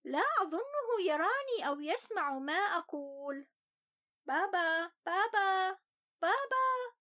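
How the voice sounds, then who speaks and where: Woman acting a high-voiced, sulky little boy. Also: big pitch swings, unhurried, pushed and bright, full character voice. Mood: plaintive. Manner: plaintive, complaining. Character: sulky young boy who feels unloved, storybook narrator. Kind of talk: children's story acting.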